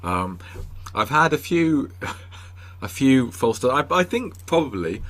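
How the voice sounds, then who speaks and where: A man's voice: medium pitch, big pitch swings, takes it slowly, a bit bright. A man with an English accent in casual podcast chat, self-deprecating and dryly humorous. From England. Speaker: podcast co-host.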